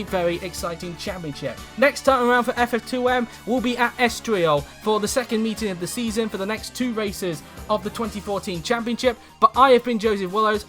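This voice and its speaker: A man commentating a sim racing league race, calling overtakes with rising excitement and then reading out the results. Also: sits high. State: out of breath.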